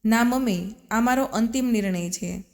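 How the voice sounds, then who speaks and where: A woman voicing a proud, headstrong young wife who speaks with sharp, indignant reproach, in a storybook reading. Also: a little high, normal speed, close to an everyday voice. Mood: furious. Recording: long reverb.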